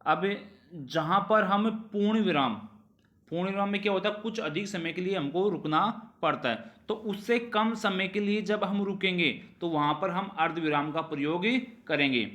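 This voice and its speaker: Speaking at normal speed in a slightly bright voice, a man revises grammar with his listeners. He repeats phrases, asks rhetorical questions, and lets his sentences fall in pitch at the end.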